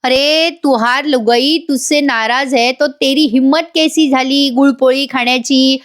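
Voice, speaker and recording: A woman voicing a drunk, self-pitying young man who talks slowly and mixes in Hindi words. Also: high voice, steady tone. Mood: tipsy rambling. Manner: slow, slurred, mixing in Hindi words.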